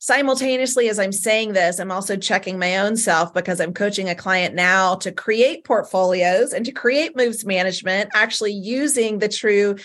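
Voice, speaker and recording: Woman cohost, Southern accent, conversational advice-giver, mid pitch, fillers throughout. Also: normal speed, hardly any pauses, a bit bright. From American South. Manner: chatty, many "you know" fillers. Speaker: cohost of a nonprofit talk show. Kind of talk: casual advice chat.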